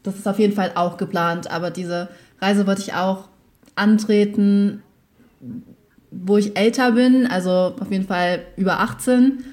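A woman's voice: mid-range voice, steady tone, a little slow, a little mellow. A teenage girl as podcast guest in casual chat, hesitant and thoughtful, with many fillers. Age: teens.

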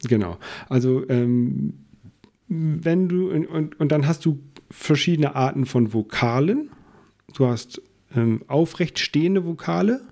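A man with a gravelly, low-lit voice explains things in a relaxed podcast chat. He often restarts and circles back with fillers while he works his point out. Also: measured pace. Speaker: podcast guest.

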